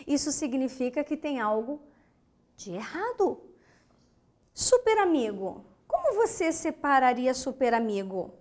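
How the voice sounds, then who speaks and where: A Brazilian woman teaches an online grammar class at an unhurried pace. Her voice sits high, and she breaks words into syllables with clear emphasis. She keeps asking the students rhetorical questions. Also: very animated, darkish tone. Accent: Brazilian Portuguese.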